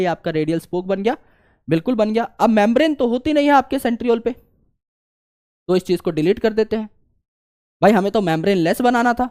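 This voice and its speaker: A male biology teacher, lecturing online while he draws a diagram. He keeps asking questions and answering them himself, going loud on the questions and muttering as he draws. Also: sits high. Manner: repetitive, asks and answers own questions; swings between loud questions and quiet drawing mutters.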